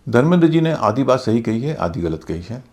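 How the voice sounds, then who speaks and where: A man's voice: medium pitch, big pitch swings, fairly quick, a little mellow. A male teacher giving a methodical lesson on English pronunciation, patiently spelling out words letter by letter. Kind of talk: explanatory lesson.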